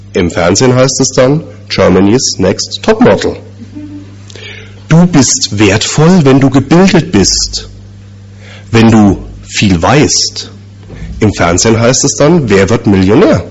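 A man preaching a sermon, telling stories and asking rhetorical questions with slow, emphatic repetitions. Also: medium pitch, very animated, a little mellow, husky, lo-fi sound.

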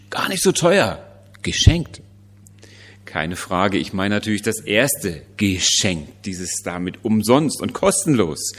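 A male preacher delivers a Christmas sermon in a relaxed, conversational way, often turning to rhetorical questions. He speaks slowly and deliberately. His pitch swings widely for emphasis.

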